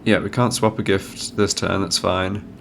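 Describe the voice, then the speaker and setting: Stuffed up and a little nasal with a cold, a gaming channel host walks through his strategy game move by move, musing aloud in a casual way. His low voice is level, unhurried and fairly bright, with vocal fry, and there is a faint hiss or hum in the recording.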